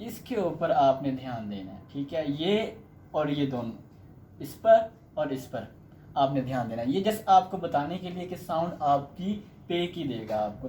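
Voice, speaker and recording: A man teaching a language lesson in a patient, repetitive way. His voice is mellow and soft-edged. The recording is echoey, with a faint hum of noise underneath. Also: fairly high pitch. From Pakistan. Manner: patient, repeats "theek hai" often. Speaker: Chinese teacher.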